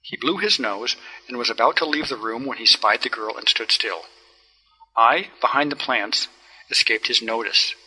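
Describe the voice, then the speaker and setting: A man narrating a classic story in the first person, in a measured, wry telling. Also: medium pitch, pushed and bright, slightly rough, poor audio. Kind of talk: storybook reading.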